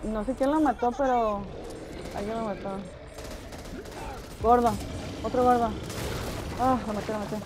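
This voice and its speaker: A woman commentating a co-op game, excited, repeating callouts rapidly. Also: on the high side. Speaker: gamer. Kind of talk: co-op gameplay commentary. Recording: game noise behind the voice.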